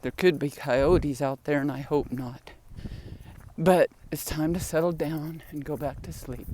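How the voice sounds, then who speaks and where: A woman's voice: deep voice, fairly even intonation, measured pace, mellow. An older woman telling rambling stories about her family and pets in a chatty way, with laughs and sighs, walking outside in the wind. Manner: chatty, laughing, sighing asides. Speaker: vlogger. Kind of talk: rambling personal storytelling. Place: outdoors in wind, walking home with groceries.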